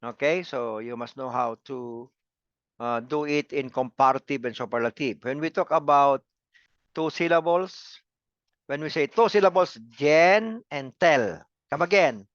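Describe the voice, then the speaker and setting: A man's voice: mid-range voice, normal speed, a bit bright, dry recording, dull audio. A man teaching English grammar in a lecture, repeating words and syllables and asking students to say them again. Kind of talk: slow classroom lecture.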